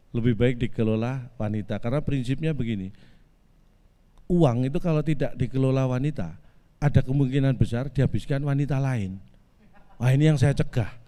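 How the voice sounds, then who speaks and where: A man in his forties delivers a comic monologue with a straight face, calling the listeners sir and madam. His voice is mellow and warm, sitting at an everyday middle pitch. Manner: deadpan, absurd twists, addresses audience as Bapak Ibu. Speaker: stand-up comedian. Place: virtual family gathering.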